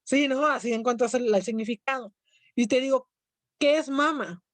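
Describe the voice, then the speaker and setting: A woman's voice: high-pitched, moderate pace, no room sound. Mexican woman teacher giving a lecture. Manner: explanatory, asks students questions. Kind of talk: classroom lecture.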